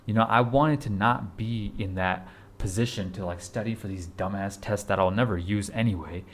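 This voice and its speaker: A young man in his twenties speaking straight to his viewers in a casual motivational vlog. His voice sits a little low. He talks with blunt urgency, circles back to the same points, and swears casually. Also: normal speed. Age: 20s. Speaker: fitness vlogger. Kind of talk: casual motivational talk to camera.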